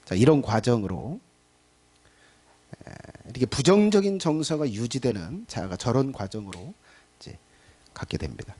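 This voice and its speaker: A man's voice: medium pitch, big pitch swings, moderate pace, pauses often, dark tone, husky. A middle-aged man preaching a Sunday evening sermon as pastor, talking in a conversational way and acting out little everyday scenes. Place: church sanctuary.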